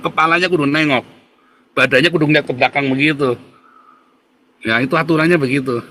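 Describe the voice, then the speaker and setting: A man's voice: fairly high pitch, pushed and bright. A man in his forties from Indonesia, delivering an emphatic, repetitive and defiant monologue to his viewers, laughing now and then. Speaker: vlogger. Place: abroad, not the pictured home country.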